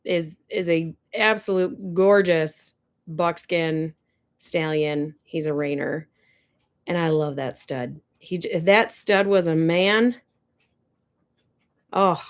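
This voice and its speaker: A young woman with a voice on the low side hosts a casual ranch livestream from a barn or home. She speaks at a slow pace and pauses often while gushing and answering viewer comments.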